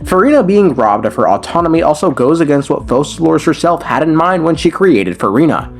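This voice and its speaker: A man's voice: a little high, big pitch swings, fairly quick, faint music behind. A man giving casual commentary on game lore, speaking in a conversational way with slangy asides. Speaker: lore video creator.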